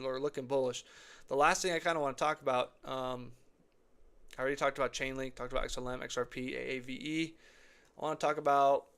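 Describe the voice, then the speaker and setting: A man's voice: medium pitch, clean tone. A man hosting live crypto chart commentary, rambling and repeating himself, his voice slightly cracked. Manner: rambling, repeats phrases, says okay and right often. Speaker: crypto chart analyst host.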